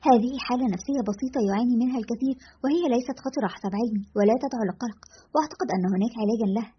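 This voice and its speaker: A woman narrating a scripted story in a brisk, even storytelling manner. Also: a little high, a little hiss or hum. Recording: dull lo-fi recording.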